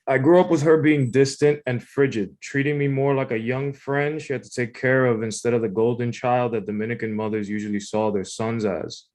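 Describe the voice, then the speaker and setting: A man's voice: mid-range voice, steady tone, a little fast, hardly any pauses, a little mellow. A man reading his own personal essay aloud in a conversational, informal way. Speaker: writer reading own submission.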